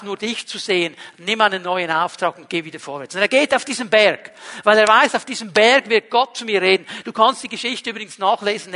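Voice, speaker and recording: A man preaches with a high, bright, ringing voice, dropping from loud emphatic lines to a hushed near-whisper. His words carry a long reverb from a church hall. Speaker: pastor. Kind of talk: sermon.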